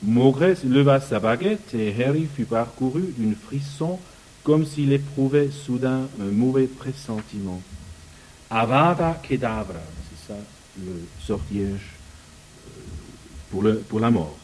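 A man reading book passages aloud and commenting on them, often halting to search for words. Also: medium pitch, expressive, mellow, a little hiss or hum, rough recording.

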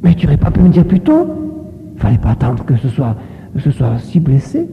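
A man's voice: on the high side, huge pitch swings, fairly quick, creaky, a little hiss or hum, full character voice. A man voicing a fussing, astonished schoolteacher. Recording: echoey hall on a tinny phone-like line.

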